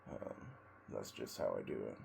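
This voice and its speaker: A man sitting in ice cold water, giving a casual, rambling monologue in a halting way with long pauses between short phrases. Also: rumbling low, vocal fry, noisy background. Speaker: vlogger, tradesman in auto body and paint.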